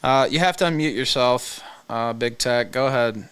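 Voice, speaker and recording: A man hosting a livestream with casual commentary, speaking hesitantly with pauses. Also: medium pitch, fairly bright tone, clear, resonant tone, no echo. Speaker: livestream host.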